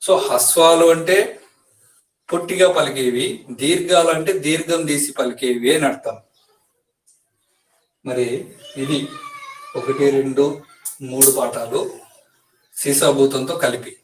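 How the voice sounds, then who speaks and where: A man teaching a language lesson, speaking slowly and deliberately, repeating and stressing each letter. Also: mid-range voice, far from the mic. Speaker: Telugu teacher. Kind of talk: grammar lesson. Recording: echoey room, voice a bit off-mic.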